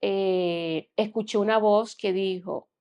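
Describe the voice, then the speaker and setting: A young woman giving an earnest personal testimony as a podcast guest, often dropping to a hushed tone. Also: medium pitch, fairly even intonation, takes it slowly, clear, resonant tone.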